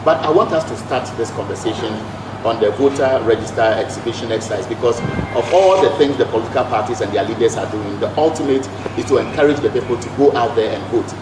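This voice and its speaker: A man's voice: mid-range voice, fast, background noise. A man interviewing a guest, asking long, wordy questions with restarts.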